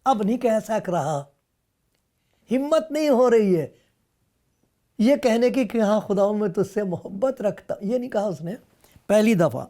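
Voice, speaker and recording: Man preaching a sermon, mellow voice. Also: high-pitched, lively intonation, long pauses. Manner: storytelling, acting out dialogue between Jesus and Peter. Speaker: pastor.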